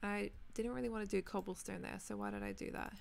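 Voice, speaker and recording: A Minecraft streamer in her twenties with an Australian accent chats casually with viewers while playing the building game, rambling and answering their comments. She talks fast in a mid-range voice with fairly even intonation and some vocal fry.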